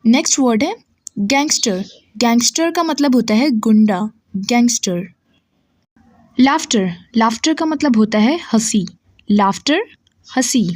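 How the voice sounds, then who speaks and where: Slow, precise woman drilling vocabulary. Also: fairly high pitch, expressive, a little mellow, no room sound, clean studio sound. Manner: repeats each word, then its meaning, deliberately. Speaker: English vocabulary teacher.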